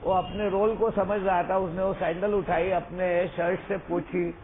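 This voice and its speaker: A man talks through a tinny, phone-like line with a faint hiss underneath. His voice sits fairly high for a man. He tells a long story in an earnest, unhurried way and keeps checking that his listener is still with him. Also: level tone. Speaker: recovery sponsor sharing. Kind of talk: storytelling over a phone call.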